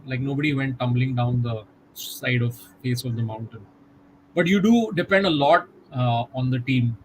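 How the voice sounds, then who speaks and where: A middle-aged man, a guest in a conversational interview, speaking in a reflective, measured way with many "you know" fillers over a video call. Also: fairly high pitch, a bit bright, a little hiss or hum, poor audio.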